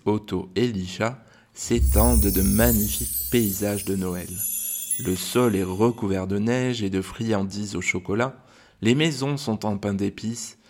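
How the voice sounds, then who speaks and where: A man with a low, even voice narrates a children's space adventure. His delivery is gentle and measured, made for young listeners. It is steady scripted storytelling. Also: slight background noise.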